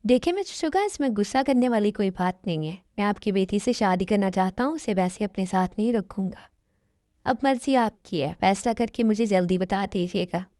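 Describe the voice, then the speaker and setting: A woman's voice: mid-range voice, animated, a little fast, warm tone, no echo, studio quality, natural voice. A woman voicing a cold, demanding young businessman in an amateur dub, speaking bluntly and commandingly.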